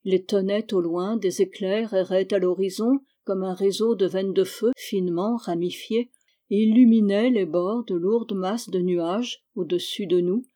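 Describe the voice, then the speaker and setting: A woman reading a novel aloud in a measured, descriptive narration. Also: mid-range voice, steady tone, mellow. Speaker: audiobook reader. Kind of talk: literary narration.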